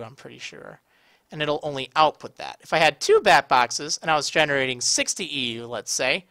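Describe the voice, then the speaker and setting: Animated man with slightly strained, bright voice. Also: medium pitch, clear, resonant tone, no room sound. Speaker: gaming video host. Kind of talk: casual video game tutorial commentary.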